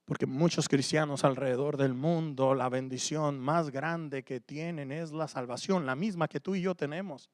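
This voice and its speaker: A man preaching a sermon as pastor, moving between loud emphatic passages and quiet asides. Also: a little high, steady tone, normal speed, few pauses, no room sound, studio quality.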